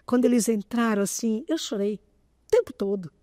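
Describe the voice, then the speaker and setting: A woman's voice: a little high, moderate pace, no echo. Older woman telling an emotional story. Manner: animated, often close to tears. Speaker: interview guest, association president.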